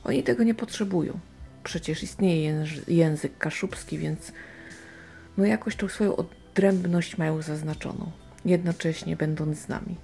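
A woman reviews books in an unscripted, casual way. Her voice is on the low side and mellow, with a lot of gravelly creak. She thinks aloud, hesitating and stretching out her pauses. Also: soft background music. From Silesia, Poland. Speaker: book reviewer. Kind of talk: casual unscripted book commentary.

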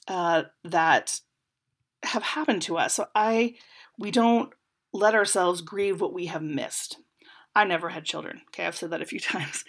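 A woman in her forties, talking candidly and reflectively with some wry humor, slightly congested from a lingering cold. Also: on the low side. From United States. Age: 40s. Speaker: podcast panelist. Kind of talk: personal reflection.

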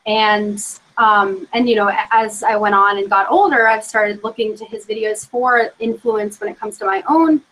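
A woman co-hosting a podcast, chatting casually and fast, with lots of "like" and "you know". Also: mid-range voice, a bit bright, poor audio. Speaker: podcast co-host. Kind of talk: casual chat.

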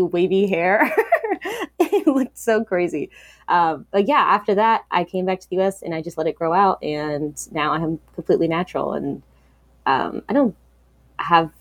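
Reflective woman with a low, dry voice. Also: no room sound. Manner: reflective, frequent fillers and restarts. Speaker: interview guest. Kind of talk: candid personal interview.

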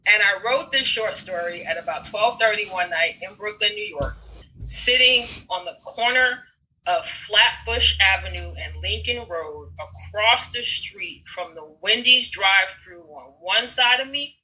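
A woman telling personal stories in casual conversation, animated, acting out scenes and swearing freely. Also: medium pitch, a little slow, a little hiss or hum, poor audio. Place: Brooklyn.

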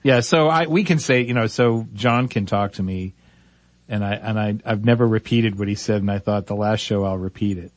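A man's voice: on the low side, moderate pace, no room sound. A man from the Boston area co-hosting a radio show from a studio, chatting casually with a joking, self-deprecating manner. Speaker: radio co-host.

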